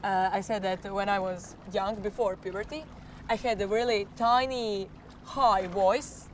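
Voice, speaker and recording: In Croatian-accented English, a teen klapa singer from Croatia talks through interview questions about singing in her group. Her slightly husky, medium-pitched voice stays fairly even, and she often pauses to find words, with a light hiss or hum behind her.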